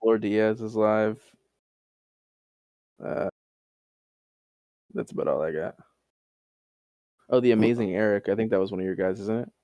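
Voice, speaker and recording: A man's voice: on the low side, a little slow, long pauses, warm tone, no room sound, dull audio. A man from Canada co-hosting a podcast in casual chat, laid-back and easygoing. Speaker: podcast co-host.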